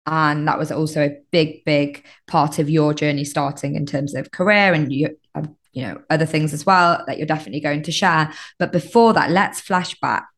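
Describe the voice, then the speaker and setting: A podcast host in easy conversation with her guest, talkative and friendly. Her voice is deep for a woman, with a relaxed, chatty flow full of fillers. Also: normal speed, hardly any pauses. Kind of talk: interview chat.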